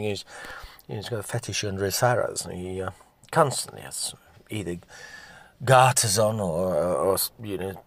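A man's voice: lowish voice, gravelly, a bit bright, no room sound. A man playing a theatrical older Englishman who gossips indignantly, drawling his darlings. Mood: gossiping.

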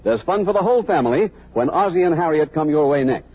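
A man's voice: on the high side, expressive, fast, breathy edge. A man announcing sponsor messages and credits on a 1940s radio program. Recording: tinny old radio with music behind.

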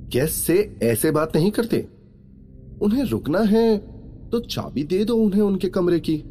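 A man's voice: high voice, animated, measured pace, dark tone, a little hiss or hum, voice pushed up. Man doing a firm, composed woman. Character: calm authoritative woman at the hotel.

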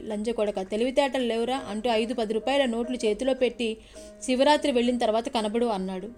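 Vivid high-voiced woman storyteller. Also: darkish tone. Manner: vivid, with sound words and direct address. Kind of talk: story narration with asides to listeners.

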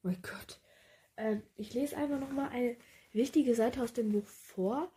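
A woman's voice: fairly high pitch, measured pace, warm tone. A woman chatting casually about a book and reading a passage aloud, hesitant and thinking aloud as she goes. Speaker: book vlogger.

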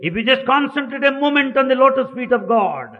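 A man interpreting a sermon line by line, measured and deliberate, on a dull archive recording in a large hall. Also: very high voice, animated. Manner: slow, measured phrasing.

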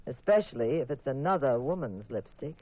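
An actress playing a poised, wry and jealous detective's wife in an old radio drama. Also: female voice, rumbling low, expressive, fairly quick, very noisy. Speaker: lead actress and narrator. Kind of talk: 1950s radio drama acting. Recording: muffled old radio recording with music.

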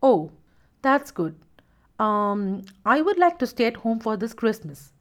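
A woman voicing a withdrawn, lonely twelve-year-old boy who speaks in a flat, uninterested way. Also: medium pitch, unhurried.

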